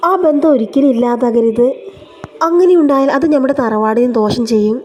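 A woman's voice: a little high, normal speed, a little mellow, lightly acted. Woman voicing an anxious old grandmother. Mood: worried. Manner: anxious, pleading. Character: worried elderly grandmother of a family home.

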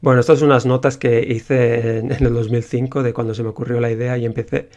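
A man's voice: mid-range voice, level tone, fast talker, a little mellow. A young man with a Spain Spanish accent, an indie game developer telling casually how he made his game, rambling with many fillers.

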